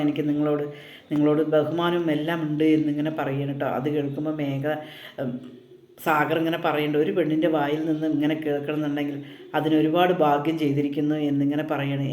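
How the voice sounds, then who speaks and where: A man's voice: on the high side, darkish tone. Man recapping a soap plot, echoey room. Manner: retells scenes with quoted dialogue, frequent tag "കേട്ടോ". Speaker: serial episode recap narrator. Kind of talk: casual spoken plot preview.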